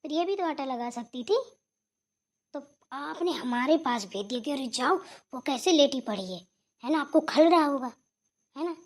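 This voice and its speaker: A sharp-tongued, lazy sister-in-law from a cartoon family squabble, as a woman voices her. Her voice sits high and her delivery is blunt and scolding. She tags her lines with a challenging "right?". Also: lively intonation, moderate pace. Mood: sarcastic. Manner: blunt, scolding, repeats "theek hai na". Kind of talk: cartoon voice acting.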